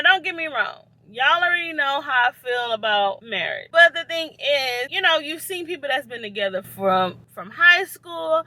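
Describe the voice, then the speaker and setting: A woman's voice: high-pitched, bright, forceful tone, no room sound. A woman in her thirties giving a chatty, encouraging vlog talk from her parked car, speaking to viewers as y'all. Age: 30s. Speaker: vlogger. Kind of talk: casual encouraging talk to camera.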